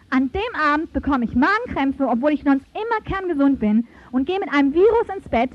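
A woman preaching a sermon in an animated, emphatic way, swinging her pitch dramatically as she tells stories and reads verses. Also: no echo. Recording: dull, lo-fi recording.

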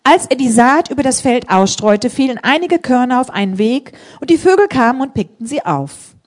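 A woman preaching a sermon in a church service, telling testimonies in an animated, emphatic way and rising to loud appeals. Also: high voice, normal speed.

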